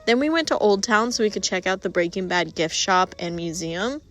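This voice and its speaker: A woman's voice: medium pitch, animated, brisk, fairly bright tone, soft background music. A woman narrating her travel vlog in a chatty, upbeat voice-over. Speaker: travel vlogger.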